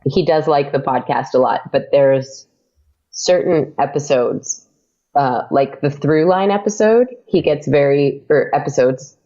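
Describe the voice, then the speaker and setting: A young adult woman, an audio drama creator, chats as a guest on a podcast in a casual interview, speaking in a low, warm, unhurried voice. She laughs often and uses lots of fillers, and the recording has a dull lo-fi podcast quality.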